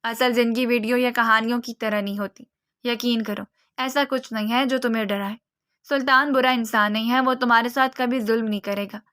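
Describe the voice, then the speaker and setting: A woman reading a storybook and voicing a young woman friend who speaks softly and reassuringly. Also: fairly high pitch, fairly even intonation, natural voice. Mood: soothing. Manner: soft, soothing.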